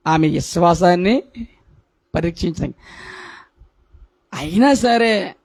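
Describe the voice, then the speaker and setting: A man's voice: high voice, animated, slow. A man preaching a sermon at a prayer meeting, repeating his points and putting rhetorical questions to the congregation.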